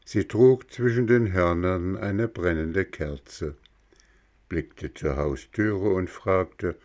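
A man reading a children's storybook aloud in a calm, measured way. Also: sits low. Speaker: narrator.

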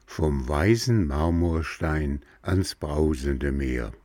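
A man narrating a children's fairy tale as an audiobook, measured and expressive. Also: a bass voice. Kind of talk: storybook audiobook reading.

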